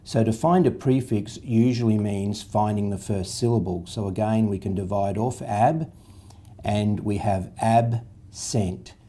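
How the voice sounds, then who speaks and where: A man's voice: lowish voice, measured pace, dark tone. Patient man teaching syllables. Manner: patient, methodical, spells out letters and sounds. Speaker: literacy tutor. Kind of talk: step-by-step instructional explanation.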